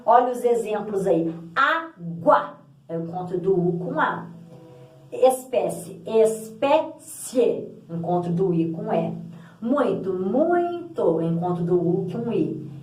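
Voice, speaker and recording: A woman's voice: mid-range voice, a little mellow, a little hiss or hum. A woman teaching a grammar lesson, explaining patiently and repeating example words aloud to stress them. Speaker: Portuguese language teacher. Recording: echoey room, voice from a distance.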